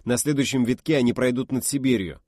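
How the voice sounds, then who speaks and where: A man's voice: mid-range voice, fast, darkish tone, dry recording, clean studio sound, close to an everyday voice. A man voicing a grim, tense space-station commander in an audiobook, speaking tersely.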